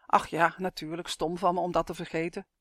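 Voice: mid-range voice, flat delivery, brisk, fairly bright tone, dry recording, clean studio sound, close to an everyday voice. A reader voicing a friendly but eerie elderly male neighbor who speaks mildly and matter-of-factly. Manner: mild, matter-of-fact, oddly cheerful. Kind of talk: audiobook character voice.

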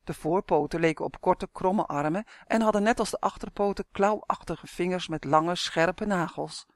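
An audiobook reader calmly narrating a children's story. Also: mid-range voice, normal speed, dry recording, studio quality. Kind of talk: scripted narration.

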